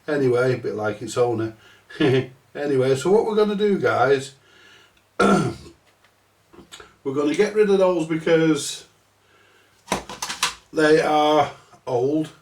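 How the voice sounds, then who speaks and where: Recorded at a distance in a cramped, cluttered electronics workshop, a middle-aged repair-channel host with a stuffy cold rambles slowly through a repair, swearing casually and mocking himself. His voice is a little high, expressive, and darkish, with a roomy sound.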